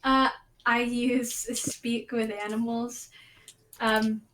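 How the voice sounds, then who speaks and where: A woman with a fairly high voice plays in a tabletop game, speaking politely and carefully. Faint noise hums behind her. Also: level tone, slow, a bit bright. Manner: polite, reads punctuation aloud literally. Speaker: player.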